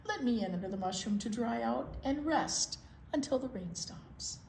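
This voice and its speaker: A woman's voice: on the high side, animated, moderate pace, gravelly, darkish tone. A woman voicing a tired little brown sparrow, weary and pleading, read aloud in a storybook. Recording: echoey room, faint room noise.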